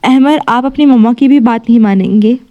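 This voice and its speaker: A woman narrator voicing a loving, soft-spoken mother who coaxes her son tenderly. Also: on the high side, fairly quick, lo-fi sound, close to an everyday voice. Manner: tender, coaxing.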